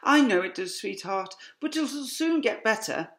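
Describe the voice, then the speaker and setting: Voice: medium pitch, animated, moderate pace, fairly bright tone, voice pushed up. A reader voicing Missus Fox, a loving, anxious female fox who pleads and frets for her children in a storybook reading. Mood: tender. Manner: tearful, pleading.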